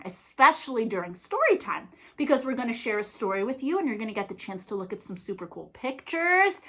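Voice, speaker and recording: Her fairly high voice sounds pushed and bright as she leads a storytime for small children. The librarian reads aloud, asks questions, and offers praise in a cheerful sing-song.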